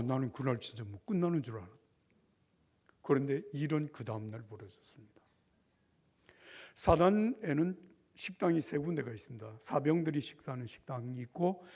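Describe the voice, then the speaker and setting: An older man, a pastor, telling a story in a revival sermon with lively acted dialogue. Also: medium pitch, vocal fry, husky.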